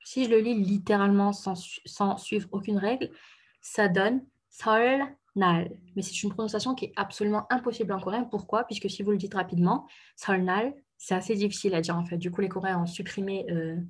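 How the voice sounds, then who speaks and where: A woman teaching pronunciation in a relaxed explanatory way, pausing with fillers and correcting herself. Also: medium pitch, slightly rough. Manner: patient, many fillers and self-corrections. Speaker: Korean language teacher.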